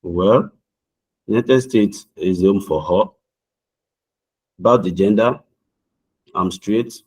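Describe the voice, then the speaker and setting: Over a video call, a young Nigerian man takes part in a mock visa interview, replying earnestly and formally in a Nigerian accent and often starting his words over. He speaks slowly in a fairly low, somewhat mellow, husky voice.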